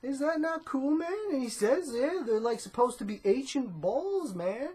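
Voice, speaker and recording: A woman vlogger rambles through a casual comedic video, drawling like a laid-back stoner dude, tacking "man" onto phrases and filling gaps with "you know" and "uh." Her voice sits high and expressive, dark and husky, at a normal speed.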